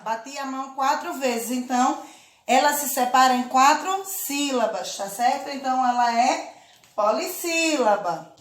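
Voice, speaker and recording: Patient woman teacher, high voice, echoey room. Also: a little hiss or hum. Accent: Brazilian Portuguese. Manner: slow, patient, drawn-out syllables with check-in questions. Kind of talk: children's lesson, clapping out syllables.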